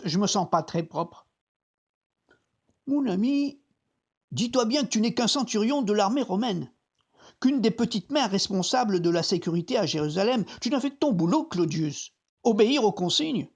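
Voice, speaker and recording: An actor as Roman centurion, dutiful but troubled, introspective, theatrical, biblical monologue, deliberate delivery. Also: mid-range voice, a little mellow. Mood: uneasy, self-justifying. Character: troubled Roman centurion, conscience-stricken, reflective, dutiful man. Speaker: actor narrating a dramatic monologue. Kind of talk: dramatic biblical monologue, talking to himself.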